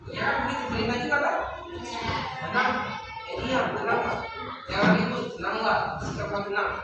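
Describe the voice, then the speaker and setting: A man's voice: very high voice, fairly quick, highs cut off. A male teacher, patiently explaining to a class, repeating points and asking questions. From Indonesia. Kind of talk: classroom instruction. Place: school classroom. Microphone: far camera mic. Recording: echoey noisy classroom from far off.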